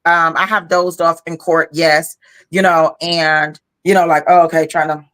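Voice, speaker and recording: A woman's voice: low voice, little pitch movement, moderate pace, fairly bright tone. A woman co-hosting a podcast in casual chat, frank and talkative, tired and yawning after a long day. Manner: frank, talkative, peppered with "you know". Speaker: podcast co-host.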